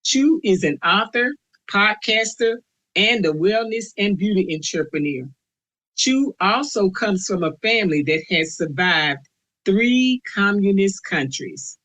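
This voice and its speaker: A woman hosting a podcast interview, asking questions and giving soft, encouraging "mm-hmm"s. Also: medium pitch, animated, measured pace, low-quality recording. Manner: warm encouraging prompts, many soft "mm-hmm"s. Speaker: podcast host.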